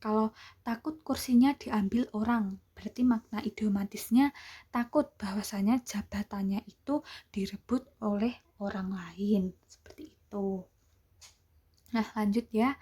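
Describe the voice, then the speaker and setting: Young female teacher, husky, patient step-by-step explainer, online lesson, lots of pauses. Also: mid-range voice, dark tone. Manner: explanatory, with many pauses and "eh" fillers. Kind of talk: online class lecture.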